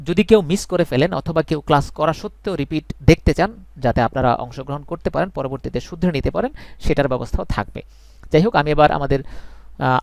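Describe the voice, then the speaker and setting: A man's voice: on the high side, creaky, dry recording. A man, teaching English in a live online class, earnest and reassuring, repeating points for emphasis. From Bangladesh.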